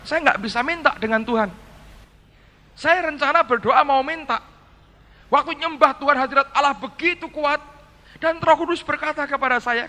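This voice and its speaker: A male pastor preaching a sermon, telling a story with quoted dialogue and addressing the congregation directly, his delivery swinging between hushed asides and loud exclamations. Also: fairly high pitch, slight background noise. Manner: storytelling with quoted dialogue, calls the audience "saudara". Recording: echoey hall sermon recording.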